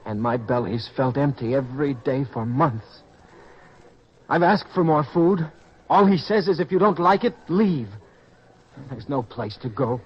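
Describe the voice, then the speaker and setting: An actor playing a humbled young prodigal son, earnest and pleading, in an old-time radio drama style. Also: male voice, medium pitch, lively intonation, a little slow, slightly rough. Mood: bitter, hungry. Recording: dull, lo-fi radio-style recording.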